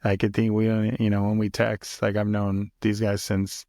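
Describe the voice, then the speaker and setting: A man's voice: lowish voice, monotone, moderate pace, warm tone, no room sound, clean studio sound. A man in his early forties, a podcast guest, telling stories in an easygoing way with many fillers and restarts. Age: 40s. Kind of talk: casual conversation.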